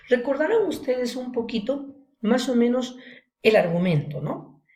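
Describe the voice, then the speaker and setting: A woman's voice: medium pitch, warm tone. A woman teaching an online literature class. She retells a story to her students and keeps checking in with them. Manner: checks in with students, frequent "¿no?" and "¿se acuerdan?" tags.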